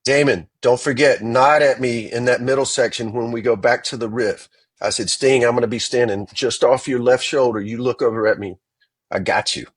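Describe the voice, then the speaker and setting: Husky, animated storytelling man. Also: mid-range voice, normal speed, no room sound. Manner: animated anecdote-telling with quoted dialogue. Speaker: guitarist guest. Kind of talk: storytelling interview.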